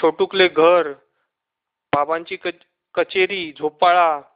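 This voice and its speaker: A man reading a children's story aloud in lively first-person narration. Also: fairly high pitch, slow pace. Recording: dull lo-fi recording.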